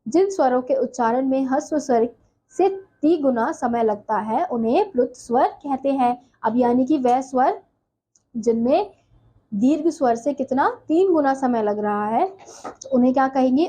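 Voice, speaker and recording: Female grammar teacher, self-questioning classroom delivery, slightly husky, dark tone. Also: sits high, animated, rough recording. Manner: asks and answers her own questions, slow and deliberate. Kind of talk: classroom lesson explaining.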